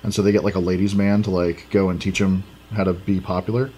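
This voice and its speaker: Laid-back, low-voiced young podcast co-host. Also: male voice, level tone, warm tone. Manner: laid-back, quick agreeable asides. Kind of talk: casual chat.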